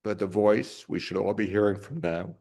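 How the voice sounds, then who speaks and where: A man's voice: on the low side, gravelly, mellow. A man in his sixties giving an emotional, wry eulogy for his mother at a funeral service. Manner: emotional, wry, measured delivery. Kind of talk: memorial eulogy.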